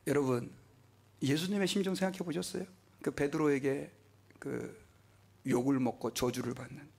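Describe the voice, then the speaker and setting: A man's voice: a little high, fairly even intonation, moderate pace, creaky, a little mellow, slightly rough. A male pastor preaching a sermon with passion, asking the congregation questions and dropping to a whisper at times. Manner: impassioned, asks the congregation questions, drops to a whisper.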